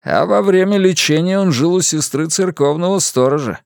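A man's voice: fairly high pitch, moderate pace, vocal fry, no room sound, clean studio sound, pitched above the performer's own voice. A man reading an audiobook, voicing a male police colleague in a raised, insistent voice. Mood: explaining.

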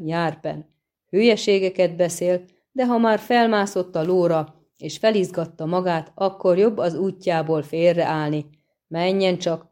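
A woman's voice: on the low side, darkish tone, natural voice. A woman voicing a blunt, dismissive male warrior leader in a storybook reading.

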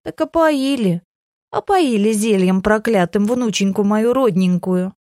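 A woman's voice: mid-range voice, animated, unhurried, dark tone, no room sound, clean studio sound, lightly acted. A woman voicing a hunched, sly old crone who fawns and laments in a quavering voice, full of sugary endearments. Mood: lamenting.

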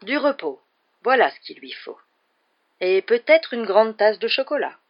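Reader doing a kindly old wizard headmaster, calm, slow, gentle, muffled lo-fi audiobook sound. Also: mid-range voice, pitched above the performer's own voice. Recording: dull lo-fi recording.

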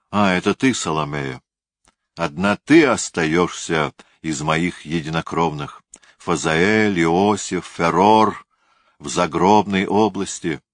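A man's voice: deep voice, a bit bright, dry recording. A man voicing a dying old tyrant king who rages and issues commands in delirium. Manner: raving, commanding outbursts.

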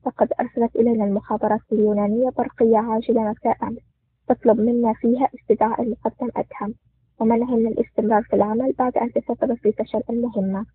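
A man's voice: extremely high pitch, little pitch movement, very fast, slightly rough. A man voicing a grave, sad older male intelligence director in a spoken story. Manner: sorrowful, grave. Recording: tinny phone-like sound.

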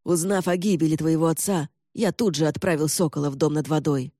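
A gaunt older lord in a fantasy audiobook, voiced by a man, curt and commanding, snapping his words off short. The tone is dark and warm, and the recording is dry and close. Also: fairly high pitch, steady tone, brisk, dry recording, natural voice.

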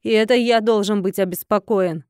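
A woman voicing a mysterious dark-haired man who answers with mock innocence and teasing. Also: mid-range voice, fairly even intonation, normal speed, clean tone, dry recording, clean studio sound, lightly acted. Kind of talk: audiobook character voice.

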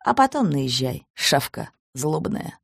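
A woman's voice: low voice, big pitch swings, measured pace, gravelly, slightly rough, no room sound, studio quality, full character voice. A woman voicing a defiant, scornful homeless woman in an audiobook. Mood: contemptuous.

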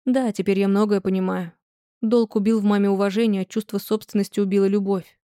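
Brief: woman reading a patient, reasoning young man, mellow tone, dry close sound. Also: medium pitch, fairly quick, clean tone, no room sound, lightly acted. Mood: calm. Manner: calm, reasoning.

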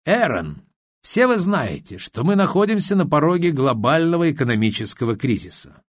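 A man reads a retired army officer turned party leader who addresses a room of powerful people in an audiobook. He speaks with calm, measured formality and a lifted, slightly animated delivery. The recording is dry, with no room sound. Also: a little high, dry recording, voice pushed up. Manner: measured, formal speech-making.

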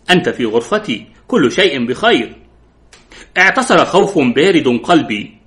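A man's voice: medium pitch, fairly bright tone. Man reading a mystery audiobook. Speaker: audiobook narrator. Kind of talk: scripted narration.

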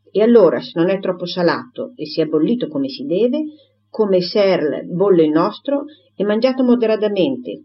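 A woman voicing a fussy, anxious elderly gentleman who frets over food and health. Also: lowish voice, muffled recording. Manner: fussy, fretting.

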